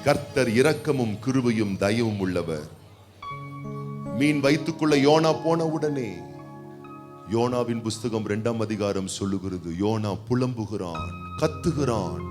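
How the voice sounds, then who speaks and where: A man preaching a sermon as a pastor, moving between quiet teaching and loud, fervent exhortation and acting out the people he quotes. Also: mid-range voice, expressive, unhurried. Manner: acts out the people he quotes in short bursts. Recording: faint music behind.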